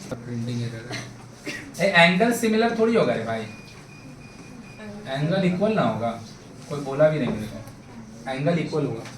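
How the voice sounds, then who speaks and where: A man's voice: medium pitch, big pitch swings, normal speed, pauses often, a little hiss or hum. A man teaching a math class, quizzing his students constantly and asking for yes or no answers. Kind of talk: classroom lesson. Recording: echoey classroom taken from far off. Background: students in the room.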